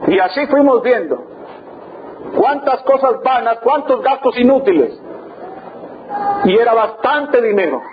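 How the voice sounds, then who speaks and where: A man's voice: very high-pitched, lively intonation, unhurried, pauses often, phone-quality sound, noisy background. A man preaching a storytelling sermon, emphatic and repeating his key phrases.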